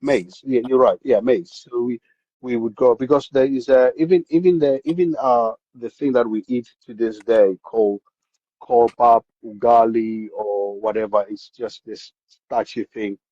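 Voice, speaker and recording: A man's voice: mid-range voice, normal speed, breathy edge, no echo, highs cut off. A man from South Africa with a South African accent, a podcast guest talking casually about his upbringing with lots of repeats and restarts. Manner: animated storyteller, many repeated words and restarts. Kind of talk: casual interview chat.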